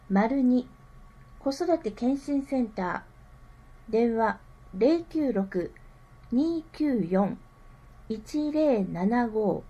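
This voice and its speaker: A woman reading scripted public information aloud with careful, measured enunciation. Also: a little high, dark tone, rough recording. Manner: careful enunciation, digits read out slowly one group at a time. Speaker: reader of a town newsletter.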